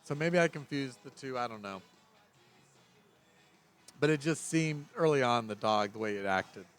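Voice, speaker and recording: A man's voice: medium pitch, lively intonation, normal speed, a bit bright, soft background music. A middle-aged man co-hosting a casual film review podcast, rambling and correcting himself as he talks. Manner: rambling, self-correcting, chuckles. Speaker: podcast co-host.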